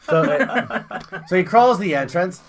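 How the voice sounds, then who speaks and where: A man's voice: high voice, unhurried, gravelly. A man co-hosting a podcast, telling jokes and stories in casual banter, swearing a lot and acting out the voices. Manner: animated storyteller who swears a lot and acts out voices. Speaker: podcast co-host.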